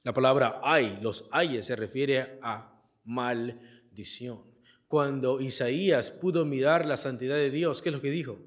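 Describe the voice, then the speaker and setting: A man preaching a Bible exposition sermon in a church, reading scripture verse by verse and pausing to ask the congregation to fill in the key word. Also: mid-range voice. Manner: asks the congregation questions and leaves the answer word for them to fill in; reads scripture aloud and explains it verse by verse. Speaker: pastor.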